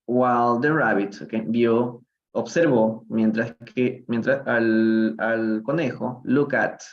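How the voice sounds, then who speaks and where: A man's voice: medium pitch, fairly even intonation, highs cut off. A man with a Peruvian accent teaching English in a live-streamed reading lesson, explaining phrases in Spanish and often checking in with "¿no?". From Peru. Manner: explains slowly, switching between English and Spanish, often asking "¿no?".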